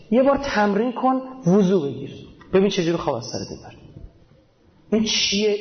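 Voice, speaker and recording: Guy preaching casually, pretty high voice, keeps asking questions n answering them, muffled lo-fi audio. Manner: emphatic, asks rhetorical questions and answers them. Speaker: religious speaker. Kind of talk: casual colloquial religious talk. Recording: dull lo-fi recording.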